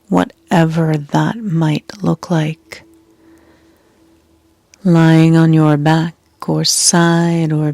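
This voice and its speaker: This deep-voiced woman leads a yoga nidra meditation, hushed and soothing, her breathy softness verging on a whisper amid long pauses. There is no room sound.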